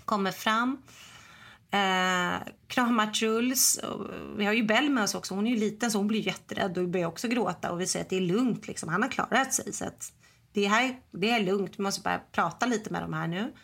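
A woman in her forties chatting casually, retelling a story in a lively way and acting out what people said. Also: medium pitch. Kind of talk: casual chat, telling a story.

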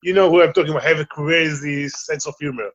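A middle-aged Israeli guest from a Hebrew-speaking background answers remote interview questions in halting English, searching for words amid many fillers. His voice is a little high, and the audio is dull.

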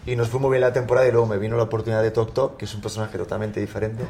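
A man, an actor guest chatting on a talk show, animated, laughing often and acting out the lines he quotes. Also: lowish voice, racing, slight background noise. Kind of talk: casual talk-show chat.

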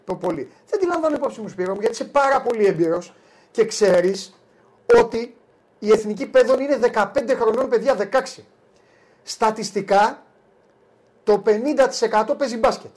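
A man's voice: high-pitched, darkish tone. A man hosting a casual sports talk show, teasing and playful in banter.

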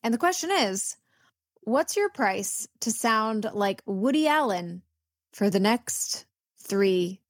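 A woman's voice: mid-range voice, expressive, slow, dry recording, clean studio sound. A woman co-hosting a podcast in casual comedic chat, thinking aloud with hesitant restarts. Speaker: podcast co-host.

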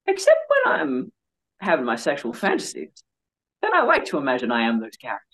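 Frank, animated, self-mocking interview guest, male-sounding. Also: mid-range voice, fast talker, slightly rough. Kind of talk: candid personal storytelling in conversation.

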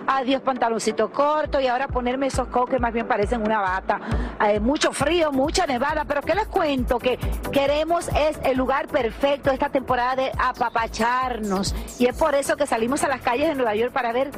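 A woman's voice: high voice, brisk, soft background music. A woman reporting on the street for an entertainment show, in a chatty, playful way.

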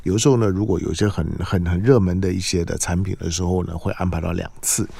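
A man's voice: sits low, steady tone, quick pace, vocal fry, warm tone, husky, no echo. A man with a Taiwanese Mandarin accent hosting a casual morning radio show, often repeating and restarting his phrases. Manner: repeats and restarts phrases, punctuates with filler particles. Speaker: radio host.

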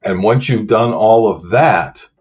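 A man's voice: lowish voice, slow, a little mellow, husky. A man in his fifties explains his view thoughtfully, step by step, with small restarts. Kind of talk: explanatory discussion. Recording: dull lo-fi sound.

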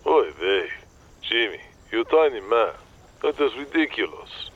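A man's voice: on the low side, moderate pace, narrow, tinny audio, lightly acted. A man voicing a weary older male Hollywood agent, dry and exasperated. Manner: dry, exasperated, Yiddish-flavored.

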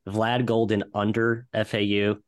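A man's voice: lowish voice, little pitch movement, measured pace, no echo, studio quality. A man giving betting picks as an analyst in casual sports chat.

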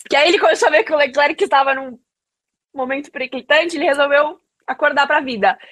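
A woman in casual chat, telling stories in an excitable, dramatic way. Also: high voice, quick pace, dry recording.

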